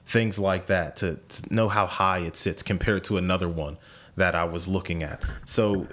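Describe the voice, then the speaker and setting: A man from the United States in his late twenties hosts a podcast, chatting casually and thinking aloud with lots of repeats and restarts. His voice is low and fairly bright, with fairly even intonation at a normal speed.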